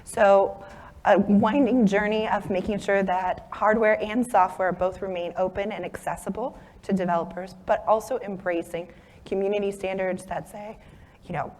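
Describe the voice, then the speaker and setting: A woman with laryngitis and a shaky, hoarse voice, speaking earnestly as co-facilitator at a conference. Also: medium pitch, darkish tone. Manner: earnest, apologetic. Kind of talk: conference talk. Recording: long hall reverb.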